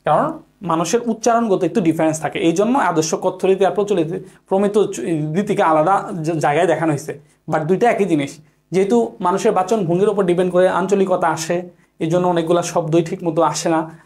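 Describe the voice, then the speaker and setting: A man's voice: high-pitched, brisk, a little mellow. A man giving an online exam-prep lecture, who asks the class questions and answers them himself, repeating key points and mixing in English words. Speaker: teacher.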